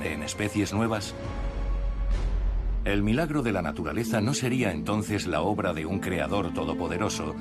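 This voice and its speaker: A man with a fairly low voice narrates a nature documentary from a script. Music plays clearly behind him as he speaks. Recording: music under the voice. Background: prominent music.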